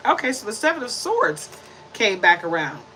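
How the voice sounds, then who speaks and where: With a mid-range, sing-song voice that sounds pushed and bright, this woman in her forties delivers a tarot reading to camera at normal speed, shuffling and dealing cards as she talks. She's chatty and preachy, using lots of tag questions, and the low-quality recording carries slight background noise.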